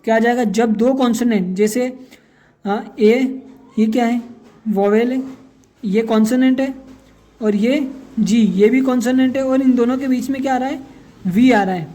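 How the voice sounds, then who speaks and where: A woman's voice: on the high side, normal speed, pauses often, warm tone. A woman teaching a spoken English lesson, asking questions and answering them herself and spelling out example words letter by letter.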